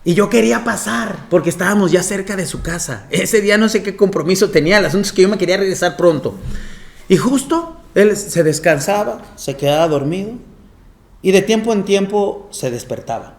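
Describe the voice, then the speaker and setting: A man's voice: high voice, lively intonation, brisk, creaky. A man, a monsignor telling anecdotes in a lecture and often laughing. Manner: storytelling with frequent laughter.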